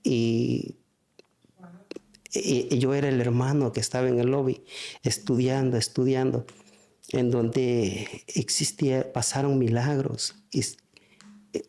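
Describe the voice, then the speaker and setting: A man giving a spoken church testimony, halting, with frequent restarts and fillers. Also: mid-range voice, flat delivery, creaky, dark tone.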